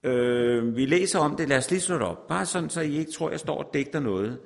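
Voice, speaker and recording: A man's voice: a little high, animated, gravelly. A man preaching a sermon, repeating words for emphasis and reading scripture aloud. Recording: long reverb in a large hall.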